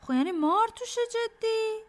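A woman's voice: very high-pitched, animated, pitched above the performer's own voice. A woman voicing a curious, sulky young deckhand boy, reading a storybook aloud.

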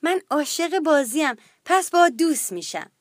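A small, lonely young creature, voiced by a woman, speaks sweetly and simply, like a child. The high voice is recorded dry and close. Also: very animated, dry recording. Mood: childlike. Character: lonely little young storybook creature seeking friends.

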